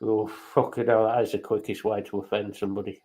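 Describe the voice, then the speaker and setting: A man's voice: fairly low pitch, level tone, fast talker, warm tone, rough recording. A man hosting a casual chat, talking bluntly and swearing freely. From England.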